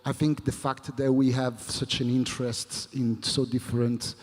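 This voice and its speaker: A man's voice: medium pitch, little pitch movement. Guy musician on a panel, stop-start talking, repeats himself, echoey hall. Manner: halting, repeats words. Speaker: musician guest. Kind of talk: live panel interview. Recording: long reverb of a hall.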